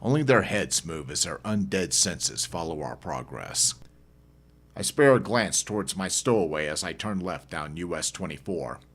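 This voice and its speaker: An author narrates his own novel as an audiobook, telling it in the first person. His voice sits a little low, and he reads at a normal speed with a dramatic delivery and lively, wide-ranging intonation.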